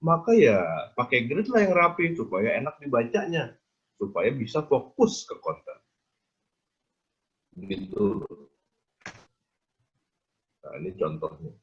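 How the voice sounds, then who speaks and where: A man's voice: mid-range voice, muffled recording. A man giving an interactive design lecture on a video call, quizzing his audience with casual tag questions.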